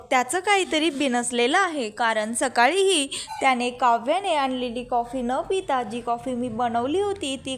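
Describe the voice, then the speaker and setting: A young woman narrating a recap of a TV serial episode and quoting each character's lines in turn. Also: high voice. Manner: retells scenes by quoting each character in her own voice. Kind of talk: storytelling recap with quoted dialogue.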